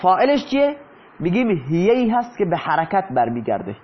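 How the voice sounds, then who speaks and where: High-voiced man teaching grammar, lo-fi. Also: huge pitch swings. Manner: asks the class questions and answers them himself. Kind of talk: explaining lesson in Persian.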